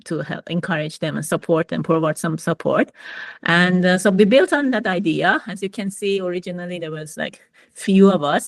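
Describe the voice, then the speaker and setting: An Iranian woman, a physicist who founded a mentoring programme, speaks on a video call during an online panel talk. Her voice is lowish and gravelly with no room sound, and she talks hesitantly with many fillers.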